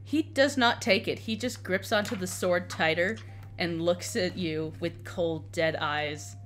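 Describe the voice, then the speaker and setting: A woman improvising narration as game master in a tabletop game, casual and halting. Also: lowish voice, animated, fairly bright tone, faint music behind.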